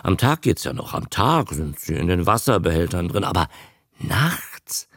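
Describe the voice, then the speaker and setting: A man's voice: sits low, sing-song, moderate pace, fairly bright tone, no echo, clean studio sound, pitched below the performer's own voice, heavily acted. A man reading a radio story, voicing a boastful, blustering Irish sailor telling a yarn.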